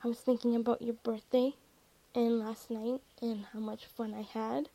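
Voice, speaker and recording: A quiet young man speaks softly to the girl he loves, as a woman reads him. His voice is gentle and low-key, with a gravelly rasp. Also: little pitch movement, moderate pace. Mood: tender. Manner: quiet, soft.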